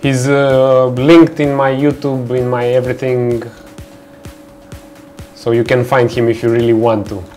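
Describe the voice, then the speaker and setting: A man's voice: mid-range voice, faint music behind. A young man with a Romanian accent who hosts a live stream, chatting casually with viewers while he works, with lots of fillers. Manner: chatty, reads out and answers viewer chat, relaxed unhurried, filler-heavy. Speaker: livestream host. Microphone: headset.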